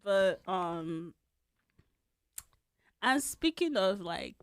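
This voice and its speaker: Speaking extremely slowly yet expressively, this twenty-something podcast co-host has a medium pitch and a clean, echo-free studio sound. The chat is casual, and she laughs a lot, occasionally dropping into a girlish baby voice. Her sentences often trail off before she starts over.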